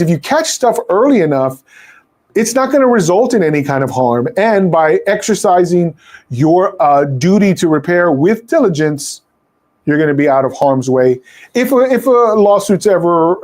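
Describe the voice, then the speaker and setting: A slightly high-voiced male attorney. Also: darkish tone. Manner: conversational, frequent fillers and restarts. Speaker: landlord attorney. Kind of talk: answering viewer questions.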